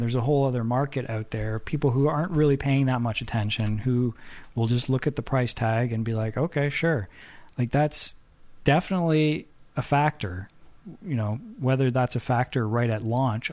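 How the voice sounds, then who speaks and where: A man co-hosting a gaming podcast, reasoning and calmly pushing back during a debate. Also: medium pitch, moderate pace, no echo. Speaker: podcast co-host. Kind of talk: casual debate.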